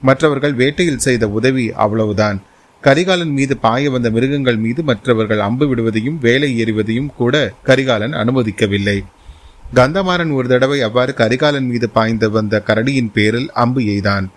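Male audiobook narrator for a historical novel, steady and dramatic, middle pitch. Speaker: storyteller.

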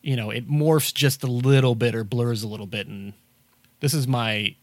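A man's voice: medium pitch, steady tone, moderate pace, dry recording. A man casually talking through a film as he watches it, rambling with lots of fillers and restarts. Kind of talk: casual movie commentary chat.

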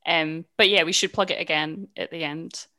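A woman with a Scottish accent who hosts a podcast, chatting casually, eager and quick to laugh. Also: sits low, steady tone, bright, forceful tone. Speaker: podcast host.

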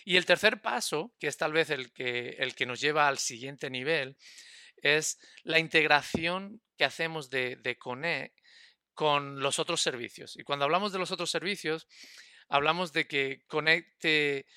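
A man with a very bright, crisp voice explains technology as a podcast guest. He talks in a stop-start way and often repeats words while he searches for the next one. The sound is dry and close. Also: on the high side, a little slow, dry recording. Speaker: guest expert.

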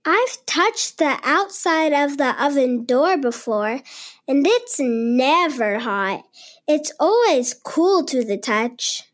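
A woman's voice: sits high, big pitch swings, slow pace, exaggerated voice. A performer voicing a curious little girl who pleads with the grown-ups in a children's show.

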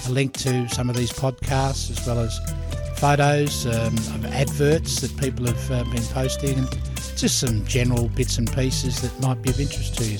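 An older Australian man hosting a podcast, telling anecdotes in a chatty, laughing way. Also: mid-range voice. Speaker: podcast host. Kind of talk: storytelling monologue.

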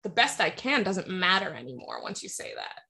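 A woman's voice: lowish voice, very animated, moderate pace, gravelly, bright, forceful tone, husky. A woman co-hosting a casual podcast as a clinician, chatty and rambling, with lots of likes and self-corrections. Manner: chatty, loses her train of thought, many likes.

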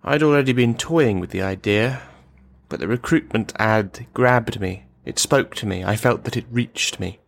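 A gravelly, mid-range male voice, close to everyday speech, moves at normal speed. Performing a radio monologue, he voices a bitter, brittle, menacing ex-soldier who rambles and broods to someone who never answers. The feeling is brooding and confessional.

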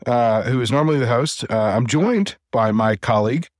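A man hosting a casual livestream podcast chat over a crackling, distorted mic, halting with fillers and restarts. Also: mid-range voice, lively intonation, no room sound, clean studio sound. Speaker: host.

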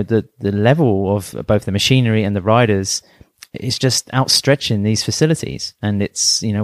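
A man's voice: on the low side, a little mellow, no echo, studio quality. A middle-aged man co-hosting a podcast, talking things through in a thoughtful, rambling way with many fillers. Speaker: podcast co-host. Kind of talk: casual chat.

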